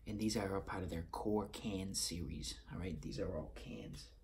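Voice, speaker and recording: A man's voice: low-pitched, moderate pace, a little mellow, a little hiss or hum. A man in his thirties with a Boston accent, giving a casual beer review and partly reading aloud in a room at home.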